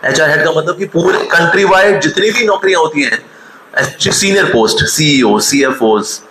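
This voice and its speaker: A man's voice: fairly high pitch, moderate pace, noisy background. A man in his forties giving a motivational talk, scolding and mocking, telling stories. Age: 40s. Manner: scolding, mocking, switching between storytelling and rebuke. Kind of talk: lively motivational talk with acted quotes. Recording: echoey hall, faint ambience.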